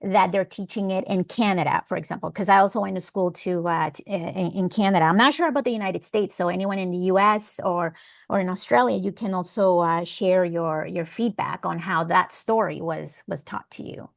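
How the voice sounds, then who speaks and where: A woman's voice: lowish voice, fairly quick, gravelly, no room sound, clean studio sound. A woman from El Salvador leading an online class discussion, talking in a chatty way with many fillers and restarts. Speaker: class leader.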